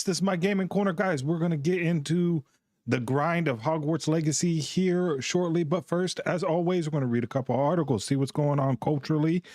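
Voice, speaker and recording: A man's voice: fairly high pitch, darkish tone, no echo, clean studio sound. A middle-aged man, chatting casually and tiredly to his stream audience in a rambling, easygoing way and chuckling between thoughts. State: tired, yawning. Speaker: gaming streamer host. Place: home gaming room with a green screen.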